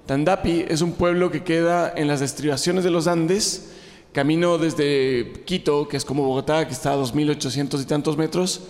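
Illustrator in his forties, from Ecuador, telling stories on stage with self-deprecating jokes; slightly high voice, big reverberant hall. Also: steady tone, moderate pace, a little mellow. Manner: joking, self-deprecating, frequent fillers and restarts. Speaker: illustrator giving a talk. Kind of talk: humorous public talk to a live audience. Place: large hall with an audience.

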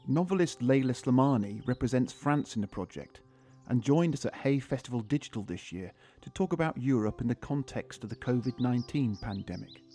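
A man, the podcast host, reading a measured scripted introduction. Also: mid-range voice, expressive, dark tone, breathy edge. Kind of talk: scripted narration. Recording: faint music underneath.

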